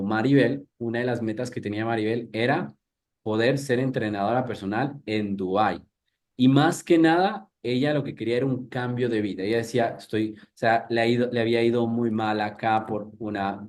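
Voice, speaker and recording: With a fairly low, darkish voice, a man in his thirties from Ecuador teaches English at a live workshop. He keeps it conversational, restarting frequently and asking the audience questions.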